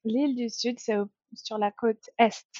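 A young woman from France talks casually in an interview, her voice sitting fairly high and laughing often between hesitant "euh"s. The recording is dull and lo-fi, with a dry sound and no room around it. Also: steady tone, unhurried, dark tone, dry recording. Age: young adult. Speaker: interview guest.

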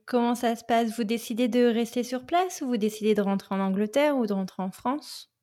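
A woman hosts a podcast interview and asks her questions in a friendly, chatty way. Her voice sits fairly high. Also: steady tone, fairly quick, dark tone. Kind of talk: casual interview conversation.

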